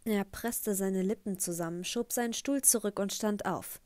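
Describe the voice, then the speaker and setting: A woman narrating a first-person audiobook in a measured, even storytelling manner. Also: mid-range voice, no room sound. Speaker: audiobook reader.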